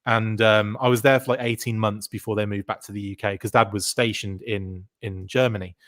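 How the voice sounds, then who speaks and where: A man's voice: lowish voice, fairly even intonation, brisk, a bit bright. Rambling man, podcast guest. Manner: rambling, full of fillers and restarts. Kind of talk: casual chat.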